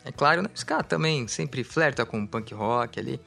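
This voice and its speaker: A man's voice: mid-range voice, animated, moderate pace, gravelly, bright, forceful tone. A man co-hosting a radio music show, chatting easily and correcting himself as he thinks aloud. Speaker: radio host. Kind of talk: casual radio chat introducing songs.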